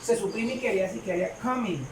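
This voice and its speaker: A woman explaining a grammar rule to a class, halting often with fillers and repeating her phrases. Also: medium pitch. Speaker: English teacher. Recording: echoey room, distant mic, faint noise.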